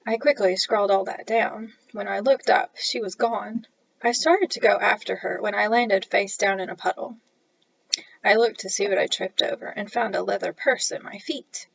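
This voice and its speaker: A woman, an author, reading her own mystery story aloud in a playful, animated way. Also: mid-range voice, normal speed, creaky, breathy edge, dry recording. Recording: dull lo-fi recording.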